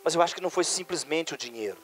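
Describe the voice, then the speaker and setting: A male pastor preaching a sermon, moving from quiet storytelling to loud, high, fervent preaching. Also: expressive, rapid-fire, faint music behind. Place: church conference hall.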